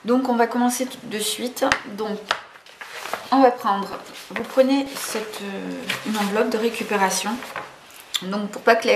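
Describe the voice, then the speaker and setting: A woman hosting a casual craft tutorial, chatty and hesitant, full of fillers and self-corrections. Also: mid-range voice. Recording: roomy echo, faint background noise.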